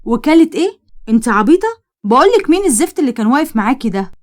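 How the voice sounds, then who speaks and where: A woman with an Egyptian accent reading the part of a bossy, protective young man who scolds and threatens in a fast, raised voice. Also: high-pitched, very animated, darkish tone. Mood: angry.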